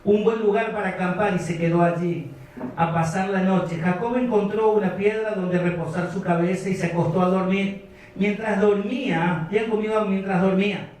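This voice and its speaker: A man's voice: sits high, fairly even intonation, moderate pace, a little mellow, a little hiss or hum. A man with a Rioplatense Spanish accent preaching a sermon as pastor, retelling a story and exhorting his congregation. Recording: echoey hall, distant mic.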